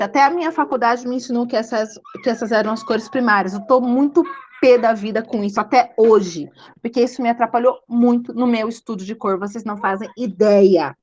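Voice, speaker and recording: Leading a live drawing class online, a woman keeps things light, chatting, laughing and poking fun at herself when she slips up. Her pitch is fairly high, with a little hiss or hum in the recording.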